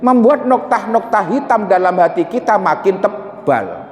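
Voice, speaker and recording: A man's voice: sits high, animated, measured pace. A man with a Javanese accent teaching a mosque study session, talking conversationally, asking the congregation questions and mixing in Javanese and Arabic phrases. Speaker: religious teacher. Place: mosque hall. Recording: echoey hall with long reverb.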